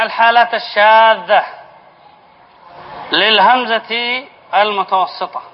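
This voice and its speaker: A man with a high voice teaches a spelling lesson, asking the class a question and then answering it himself. He repeats each rule and dictates example words slowly. The recording is muffled and lo-fi, with a faint hiss behind him. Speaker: Islamic studies teacher.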